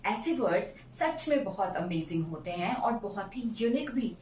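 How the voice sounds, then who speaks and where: A woman teaching English vocabulary, mixing languages and stretching out each word slowly to drill its pronunciation. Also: medium pitch, big pitch swings, darkish tone, slight background noise. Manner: slow, drawn-out pronunciation drills. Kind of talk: bilingual vocabulary lesson. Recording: echoey room, mic at a distance.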